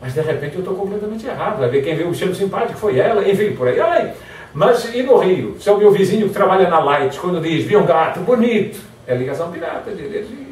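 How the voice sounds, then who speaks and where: A man with a high-sitting voice speaks fast during a motivational lecture. He's lively, acting out example phrases in a range of tones. The sound is echoey, captured from far off in a hall.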